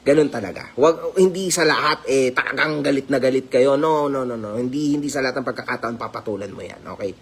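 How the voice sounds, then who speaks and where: A man's voice: mid-range voice, fast, few pauses, breathy edge. A man talking casually to his viewers as a vlogger, teasing and laughing often and mixing English phrases into his talk. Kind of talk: casual commentary vlog.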